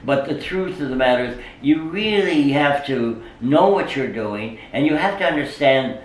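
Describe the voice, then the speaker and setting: Older male storyteller in an interview, animated and fond of voicing quotes, mic set well back in an echoey room. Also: medium pitch, moderate pace. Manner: animated storyteller who acts out quoted speech, with frequent "uh" fillers. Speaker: psychic interviewee. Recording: roomy sound from a distant mic.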